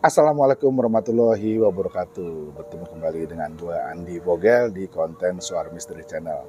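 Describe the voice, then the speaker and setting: A man's voice: low voice, fairly quick, background noise. A man hosting a horror podcast, greeting listeners formally and thanking subscribers. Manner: short reactions, formal greeting. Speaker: podcast host. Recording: music bed under voice.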